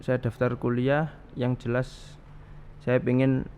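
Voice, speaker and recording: A man in his 30s, a guest in a casual interview, recounts his life at length, restarting often and leaning on fillers. His mid-range voice is slow, flat in delivery and warm in tone, captured in dull, slightly noisy studio audio.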